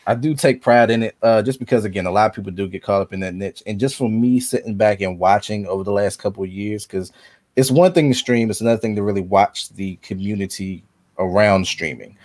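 Man, podcast guest, fairly low voice, laid-back, chatty, lots of ums. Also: fairly quick. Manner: relaxed, conversational, frequent ums. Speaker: podcast guest, video game streamer. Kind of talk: casual podcast chat.

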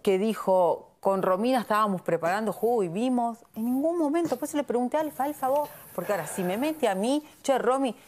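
A woman's voice: fairly high pitch, lively intonation, a little fast, hardly any pauses, darkish tone, slight background noise. A woman with an Argentine accent, a reality show contestant in a heated argument, insistently checking that she is understood. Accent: Argentine Spanish. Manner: insistent, keeps asking "¿entendés?".

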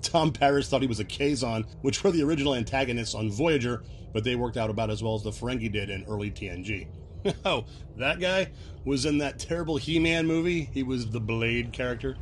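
A man hosting a casual recap video, chatty and quick to laugh as he explains references. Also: mid-range voice, a little hiss or hum. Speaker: video host.

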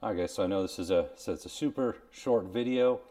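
A man in his forties hosts a casual product review to camera from a small room at home, explaining things plainly. His lowish voice is warm and quick, though he sounds far from the clip-on lavalier mic on his shirt.

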